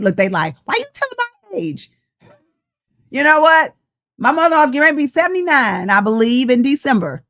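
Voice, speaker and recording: Her voice is high-pitched, bright and pushed: a sixty-year-old woman life coach speaking live to her viewers. The motivational talk comes across as passionate and preachy, yet tired.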